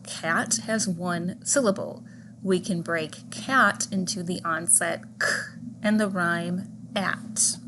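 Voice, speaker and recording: A woman delivers a scripted lecture in a measured, clear voice of middling pitch. She slows down to spell out example words and single sounds. A steady hum of noise sits behind her voice in the recording. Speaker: teacher educator. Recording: audible background noise.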